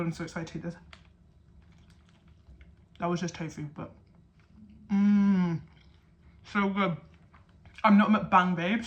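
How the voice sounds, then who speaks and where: A woman's voice: on the low side, fairly bright tone. Chatty young woman vlogging. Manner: chatty, lots of "like" fillers. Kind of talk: casual vlog chat to camera.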